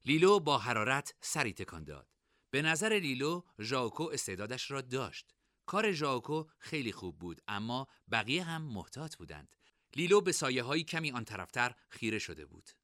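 A man narrating a story in an expressive, lively reading. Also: medium pitch, no echo, studio quality.

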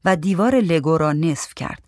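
Calm audiobook narrator, dry close sound. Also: medium pitch, no echo. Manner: calm, even literary reading with light voices for adults. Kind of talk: audiobook reading of a short story.

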